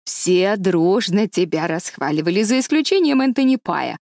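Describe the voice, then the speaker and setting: A woman's voice: medium pitch, expressive, moderate pace, vocal fry, darkish tone, no room sound, studio quality. A woman reading an audiobook, voicing an opinionated, gossipy older village woman who talks with emphatic disapproval.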